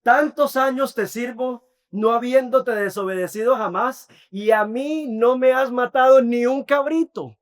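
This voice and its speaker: A pastor voicing an indignant resentful elder son. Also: male voice, very high voice, measured pace, few pauses, pitched above the performer's own voice. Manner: bitter, protesting complaint.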